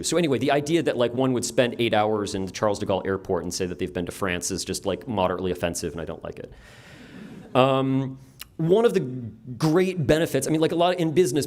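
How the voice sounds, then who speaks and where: A man's voice: fairly low pitch, darkish tone. Wry, casual man giving a talk. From upstate New York. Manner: casual and wry, many ums and restarts. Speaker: map store owner giving a conference talk. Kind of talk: conference presentation. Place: conference room before an audience.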